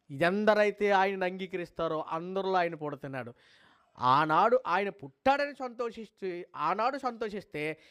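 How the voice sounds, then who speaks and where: A man preaching a sermon and leading a prayer. He fires rhetorical questions at the congregation, repeats words for emphasis, and swings fervently between high and low tones. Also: fairly bright tone.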